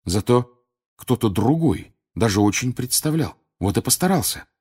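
A man narrating an audiobook, expressive, with dramatic pauses. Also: medium pitch, breathy edge. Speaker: audiobook reader.

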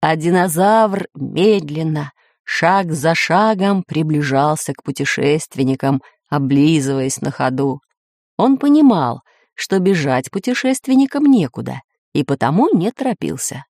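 Storybook narrator, woman, expressive and animated, dry sound. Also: sits low, a little slow, dry recording. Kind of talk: storybook reading.

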